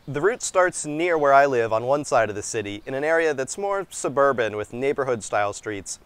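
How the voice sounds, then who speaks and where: A man's voice: mid-range voice, lively intonation, moderate pace, a bit bright, clean tone, no echo. American man narrating a scripted explainer. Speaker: vlogger and product reviewer.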